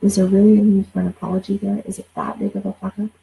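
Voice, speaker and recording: Fast and level-toned, this woman's mid-range voice comes across creaky and narrow through tinny audio. She's a blunt life coach in her forties chatting on a casual livestream, cursing and repeating herself once she gets going.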